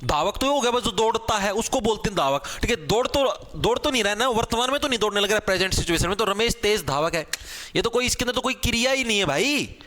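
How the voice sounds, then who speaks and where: A male teacher leading a live online grammar class, energetic and pushing students to answer fast. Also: sits high. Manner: calls students "bhai" again and again.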